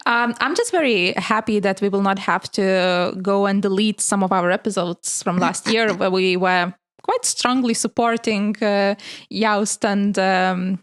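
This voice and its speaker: A woman's voice: medium pitch, a little slow, few pauses, clear, resonant tone. Woman host reading news notes. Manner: reads prepared notes, laughs easily. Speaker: podcast host presenting news. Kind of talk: casual podcast chat.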